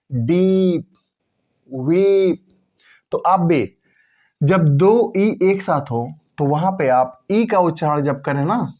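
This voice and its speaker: A man teaches pronunciation, repeating the example words and drawing them out slowly. His voice sits a little high but sounds mellow and dark. The recording is dull and lo-fi. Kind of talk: explanatory lesson to viewers.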